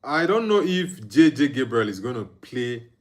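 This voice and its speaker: Very animated yet moderately paced, a young Nigerian man speaks in a medium pitch as he hosts a live football watchalong. He chats casually, reads out what viewers write, chuckles, and sings and hums under his breath.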